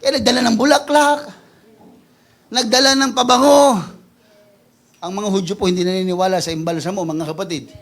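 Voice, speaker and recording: Fiery, high-voiced Filipino pastor preaching. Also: male voice, fairly even intonation, brisk, pauses often. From Philippines. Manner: switches between hushed pleading and loud, shouted exclamations; playful, jokes with the congregation. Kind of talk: energetic preaching sermon. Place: church.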